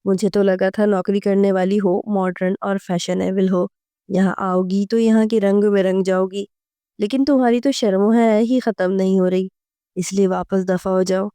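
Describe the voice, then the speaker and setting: A woman voicing a harsh young husband who scolds and dismisses his wife, in a mellow, smooth voice. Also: medium pitch, steady tone, no room sound, close to an everyday voice. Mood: angry.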